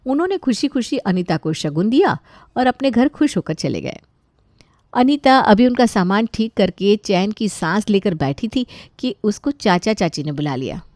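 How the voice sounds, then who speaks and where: A woman narrating a scripted family story in a calm, even way. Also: mid-range voice, normal speed, no room sound, studio quality.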